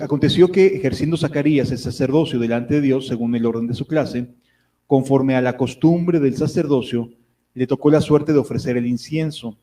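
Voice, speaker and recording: A man preaching a sermon, reading verses and then unpacking them in an easy, conversational manner. His voice is mellow and warm, at a middle pitch, with the odd filler as he thinks aloud. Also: rough recording. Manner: explanatory, reads Bible verses aloud then comments, with fillers.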